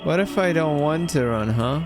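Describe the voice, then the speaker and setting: Playing a horror game with game music behind him, a man whose voice is on the high side speaks expressively at a moderate pace. As a streamer doing casual let's-play commentary, he reacts out loud and reads on-screen text.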